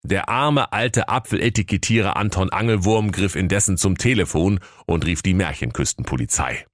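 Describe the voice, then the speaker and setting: A man narrating a comic fairy tale for children in a mock-solemn, lively storytelling manner. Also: low voice, normal speed, no echo, studio quality.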